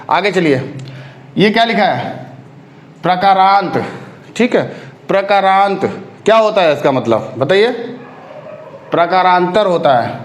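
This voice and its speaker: A man with a high-set voice teaches a spelling lesson for exam candidates. He repeats each word several times and keeps checking that his students follow along. The sound carries a noticeable room echo. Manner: drills correct forms, repeating words with frequent check-ins.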